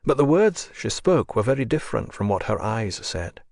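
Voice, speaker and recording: A man reads a classic novel aloud in a measured, even manner. His voice sits on the low side, and the recording is close and dry with no room sound. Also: creaky, no echo. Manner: measured and even, lifting his voice gently for dialogue. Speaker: audiobook narrator. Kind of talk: audiobook narration of a classic novel.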